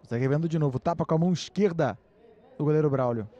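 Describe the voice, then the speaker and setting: A man's voice: fairly high pitch, fast, dark tone, lo-fi sound. A Brazilian man working as a sports commentator, calling live play-by-play in short, clipped phrases.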